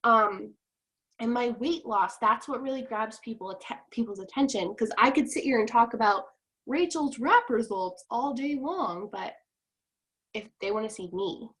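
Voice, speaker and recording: A woman's voice: fairly high pitch, normal speed, fairly bright tone, rough recording. A young adult woman giving casual, upbeat sales advice on a video call, full of "like" and "you know.". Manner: chatty, peppers speech with "like" and "you know". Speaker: guest, top-ranked direct sales distributor. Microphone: video call microphone.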